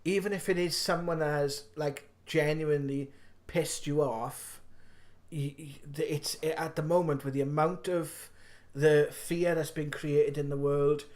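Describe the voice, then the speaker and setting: South Welsh man hosting, slightly high-pitched. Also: steady tone, measured pace, darkish tone. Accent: South Wales. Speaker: live stream co-host. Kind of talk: casual live-stream chat.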